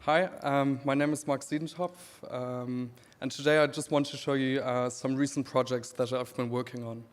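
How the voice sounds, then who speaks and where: A Namibian man in his thirties with a German accent presents his creative work at a conference in an event hall. His talk is relaxed, full of dry humor and pauses, delivered at a medium pitch. The hall's reverberation is audible in the recording.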